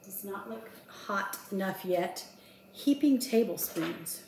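A woman's voice: medium pitch, animated, slow pace, gravelly, a little mellow, a little hiss or hum. Chatty woman cooking in an echoey kitchen. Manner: chatty, self-deprecating, talks to herself while working. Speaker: home cooking vlogger. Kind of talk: casual cooking chat to camera. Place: home kitchen, indoors. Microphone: camera across the kitchen counter. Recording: echoey kitchen with clattering dishes.

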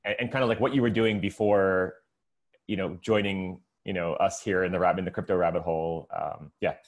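A man's voice: low voice, steady tone, brisk. A man in his thirties hosting a podcast over a video call, eager and upbeat, with lots of fillers. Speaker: podcast host. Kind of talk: casual video-call interview. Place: room indoors. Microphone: earbud headset mic on video call.

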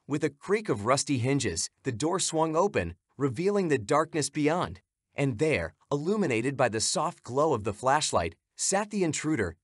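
A man narrates a horror story in a dramatic, suspenseful manner, his pitch rising and falling with lively animation. The recording is close and dry, with no room sound. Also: husky, no echo. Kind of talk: scripted narration.

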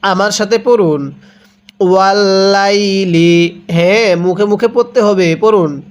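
A man's voice: high-pitched, moderate pace. A man teaching Quran reading, spelling each word syllable by syllable and asking the viewer to repeat after him. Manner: drills syllables aloud, repeating and asking "how will we read?". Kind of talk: slow spelling-out recitation lesson.

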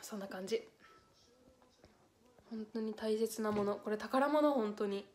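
A young woman idol hosts a casual solo livestream, reading letters aloud and coming close to tears. Her mid-range voice is a little slow and mellow, and the room is echoey with faint noise.

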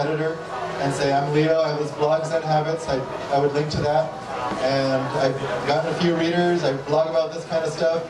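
A man in his thirties giving a relaxed, self-deprecating talk with a handheld mic at an evening event, often restarting his sentences. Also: on the high side. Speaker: guest speaker. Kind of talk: conversational talk and Q&A. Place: dark event hall, indoors. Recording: roomy hall audio from a distant camera, crowd behind. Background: audience.

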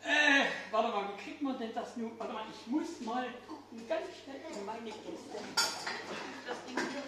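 A man's voice: very high-pitched, unhurried. An older man performing as a children's party magician, playfully firing questions and exclamations at the children in show patter. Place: indoors, small restaurant-like room. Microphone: distant phone camera in the audience. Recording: echoey room, far from mic, faint noise.

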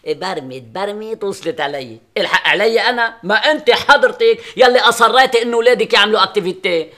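An actor with a Lebanese accent playing a teasing, exasperated husband and father in a sitcom, mocking one moment and coaxing the next. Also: fast talker. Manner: mocking, wheedling, swings from booming to soft coaxing. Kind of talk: sitcom acting.

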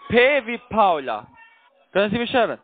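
On a tinny, narrowband phone line, a high-pitched man whose first language isn't German speaks German with a foreign accent, sing-song and at normal speed. He's a call center agent posing as IT support, walking the caller through steps one by one, repeating himself and checking in with tag questions.

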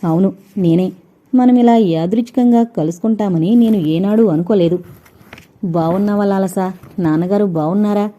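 A woman voicing an earnest, concerned young man who asks gentle, pleading questions, in an audio novel. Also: medium pitch, normal speed, natural voice. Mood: tender. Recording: dull lo-fi recording.

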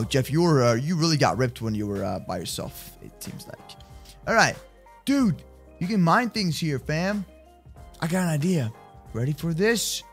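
A young man giving goofy, hyped gameplay commentary, chatting to his sidekick and viewers with sudden shouts. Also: high-pitched. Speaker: gaming YouTuber.

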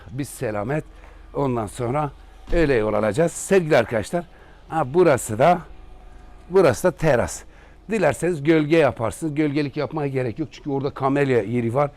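A man's voice: fairly high pitch, a little mellow, big-room sound. A man with an Aegean Turkish accent giving a rambling, joking property tour as a real estate agent. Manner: rambling, joking asides to viewers. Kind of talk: casual property tour vlog. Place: walking through a house and garden.

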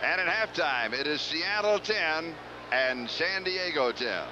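A man's voice: on the high side, lively intonation, measured pace. A man calling live football as a play-by-play announcer. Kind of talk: live sports commentary. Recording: muffled broadcast with heavy background noise.

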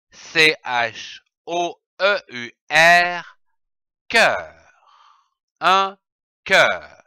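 A man teaching young children to read, spelling out letters one by one and repeating each syllable slowly. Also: a little high, pushed and bright, clear, resonant tone, dry recording, studio quality. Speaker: reading teacher. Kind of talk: slow, deliberate reading lesson for young children.

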